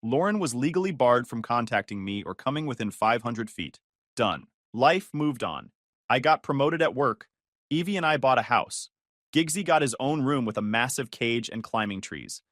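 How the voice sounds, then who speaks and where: A man's voice: mid-range voice, lively intonation, normal speed, fairly bright tone, no echo. A man narrating a first-person story in a dry, matter-of-fact way.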